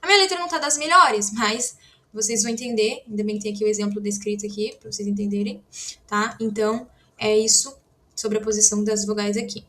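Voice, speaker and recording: A woman's voice: mid-range voice, steady tone, fairly quick, fairly bright tone. A woman teaching a casual online language lesson, explaining step by step while writing examples and often checking in with her students. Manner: chatty, frequent "né?" and "tá?" check-ins.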